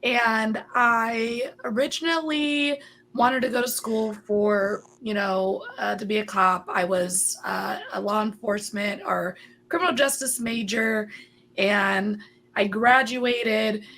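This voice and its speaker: A woman's voice: on the high side, slow, a bit bright, a little hiss or hum. A woman dispatcher co-hosting a podcast, chatting casually and laughing between points. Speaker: 911 dispatcher and podcast co-host.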